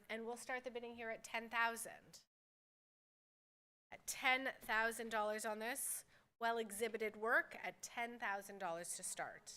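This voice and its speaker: A woman's voice: fairly high pitch, pushed and bright. A woman working as a fine art auctioneer, calling bids at a live sale in a formal, courteous way and repeating the figures.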